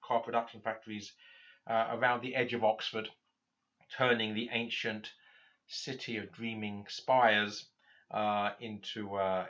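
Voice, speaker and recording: A man giving a literature lecture, halting often with fillers and restarts. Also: lowish voice, a bit bright, muffled recording.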